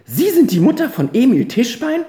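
A reader voicing a cheerful, hearty gentleman on a train in an audiobook. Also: sits high, wildly swooping pitch, moderate pace, voice pushed up. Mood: admiring. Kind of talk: audiobook character reading. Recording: roomy echo.

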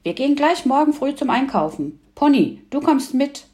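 A woman voicing a stubborn, eager young boy who speaks up loudly, in a roomy-sounding recording. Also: medium pitch, expressive, normal speed, natural voice.

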